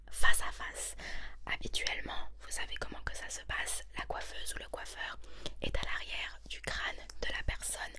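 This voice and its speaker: A woman in her twenties with a southern French accent in a whispered role-play, quickly whispering close to the mic as a bossy, fussy, tactless hairdresser. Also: bright, forceful tone. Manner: rapid, bossy whispering with repeated tag questions. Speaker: ASMR performer playing a hairdresser.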